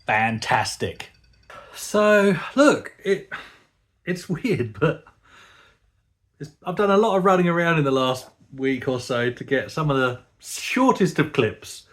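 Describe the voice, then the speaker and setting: A man giving casual, excitable commentary as he plays a retro computer game, laughing often and thinking aloud. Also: fairly high pitch, measured pace.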